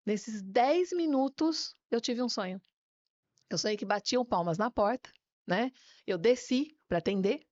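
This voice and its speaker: A female pastor, appearing as a guest, shares her personal faith testimony as a lively storyteller who often tags questions onto her phrases. Her fairly high voice is unhurried, and the recording is dry and muffled.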